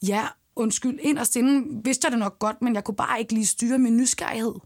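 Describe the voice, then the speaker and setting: A woman's voice: a little high, a little mellow. Woman voicing a stammering, flustered young man. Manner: stammering, apologetic. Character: flustered young man caught intruding, apologetic.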